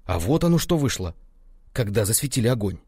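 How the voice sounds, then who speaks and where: A man's voice: on the low side, sing-song, brisk, a little mellow, slightly rough, dry recording, clean studio sound. A man voicing a frightened village watchman who babbles breathlessly.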